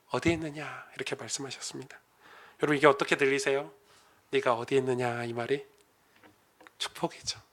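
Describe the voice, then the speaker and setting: Man, pastor, sermon, middle-aged, bright ringing voice, hushed then loud. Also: medium pitch. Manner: swings from hushed to loud and rising when preaching.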